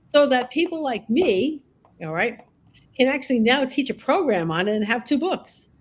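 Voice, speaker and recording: A woman with a slightly high voice telling stories from her working life in casual chat. She keeps checking in with her listeners, tossing in "okay?" and "all right?" as she goes. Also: animated, moderate pace. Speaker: guest groomer and educator. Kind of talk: casual podcast conversation.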